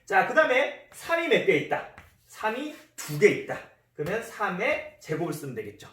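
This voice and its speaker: A man's voice: high-pitched, wildly swooping pitch, moderate pace, fairly bright tone. A man teaching a math lesson in a classroom, repeating key terms and asking the class questions. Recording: roomy echo, voice from a distance.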